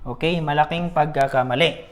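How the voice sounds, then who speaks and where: A man's voice: fairly high pitch, steady tone, moderate pace, slight background noise. A man teaching a beginner Arabic lesson, patiently repeating each letter sound and checking in with his students.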